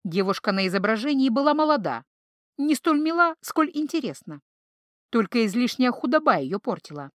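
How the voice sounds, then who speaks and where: A woman narrating a fantasy audiobook in an even, clear storytelling manner. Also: a little high, moderate pace, no room sound, clean studio sound. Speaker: audiobook reader. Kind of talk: scripted narration.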